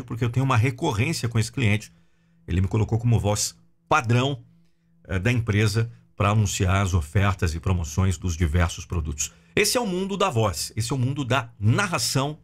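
A man's voice: mid-range voice, breathy edge. A Brazilian man in his forties talking to camera as a voice professional, polished and articulate, close on a studio microphone. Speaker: professional voice-over artist and teacher. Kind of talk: talking to camera about voice work. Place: small sound-treated home studio. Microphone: close studio condenser microphone.

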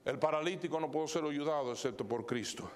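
In a church sanctuary, a high-voiced, Spanish-speaking male pastor preaches quickly, using live illustrations. His pitch rises and falls sweepingly, and he mixes English fillers into his Spanish.

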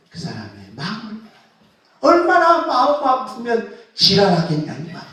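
A man's voice: very high voice, a bit bright. A male pastor preaching a Sunday sermon. He asks rhetorical questions, repeats key words and uses blunt, folksy phrasing. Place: church sanctuary during Sunday worship. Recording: very echoey hall, distant mic.

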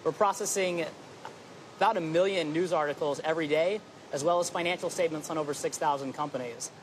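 A man's voice: a little high, fast talker, a little hiss or hum, rough recording. A man in his thirties explaining his company on an outdoor TV set, eager and confident. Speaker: company co-founder guest. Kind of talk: business news interview.

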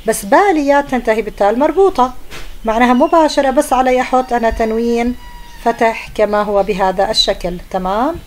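A woman's voice: a little high, fast talker, slight background noise. A young woman teacher, patiently explaining a grammar lesson to pupils and often checking that they follow.

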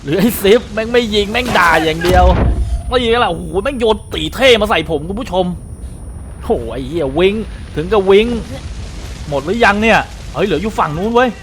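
A young man commentating a video game, talking to his viewers, often shouting and swearing. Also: sits high, lively intonation, fairly quick. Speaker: gaming streamer. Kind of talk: excited Let's Play commentary. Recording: game sounds and noise behind.

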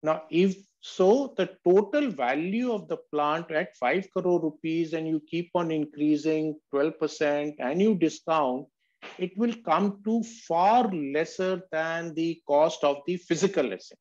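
On an online group video call, a valuation instructor explains emphatically in an unhurried, somewhat high voice with a darkish tone, calling his listeners "sir." The session is an explanatory lecture with questions and answers, and the call audio sounds dull and lo-fi.

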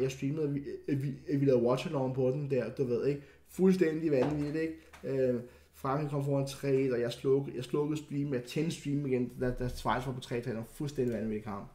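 A young man comments excitably and casually on football clips, shouting out bursts that fall away into low muttering while he stammers and restarts often. The sound is roomy.

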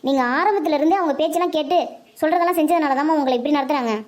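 A woman doing a tearful cartoon daughter, very high, quick, pleading and earnest. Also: darkish tone, natural voice. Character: tearful, upset teenage daughter. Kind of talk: Tamil cartoon voice acting.

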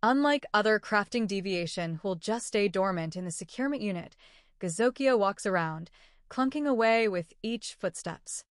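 A woman's voice: medium pitch, lively intonation, moderate pace, dry recording, clean studio sound. A woman narrating her own video game play as gameplay commentary. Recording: game music behind voice. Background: faint game music.

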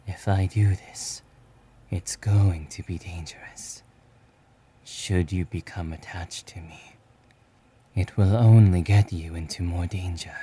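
Man playing Giyu, a hushed, brooding swordsman. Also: deep voice, slight background noise. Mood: torn, reluctant. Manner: hushed, halting, often whispering. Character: brooding young male demon-slaying swordsman, conflicted, tender lover. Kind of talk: breathy romantic ASMR roleplay.

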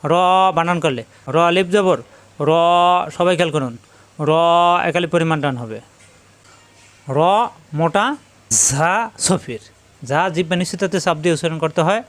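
High, clear-voiced man drilling letters. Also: normal speed, pauses often. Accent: Bangladeshi Bengali. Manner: drills each letter, spelling it out and repeating it; addresses students directly. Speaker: Quran reading teacher. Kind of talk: letter-by-letter pronunciation lesson.

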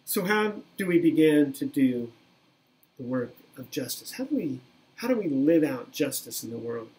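A man in his fifties preaching a sermon by webcam from a small room, in an earnest, measured way that repeats key phrases. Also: fairly high pitch, sing-song, darkish tone, low-quality recording. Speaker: pastor. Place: small plain room indoors. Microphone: webcam at desk, video recording.

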